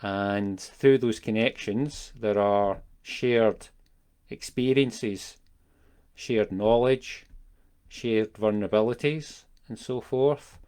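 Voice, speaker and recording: A man talking alone to his audience in a reflective way, often pausing and searching for words as he reframes ideas. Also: on the low side, darkish tone, smooth. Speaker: business coach. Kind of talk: solo talk to camera.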